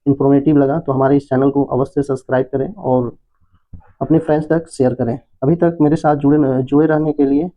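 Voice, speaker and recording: A man's voice: medium pitch, steady tone, brisk. Tinny-sounding man teaching English patiently. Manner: patient, repetitive explaining with frequent "है ना". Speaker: English teacher, channel host. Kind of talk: Hindi-language English lesson. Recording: tinny phone-like audio.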